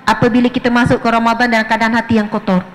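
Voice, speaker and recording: Malaysian woman preaching, high voice, lively, acts out scenes, mosque lecture. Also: rapid-fire, rough recording. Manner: lively, acts out little scenes in her speech. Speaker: religious teacher. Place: mosque prayer hall.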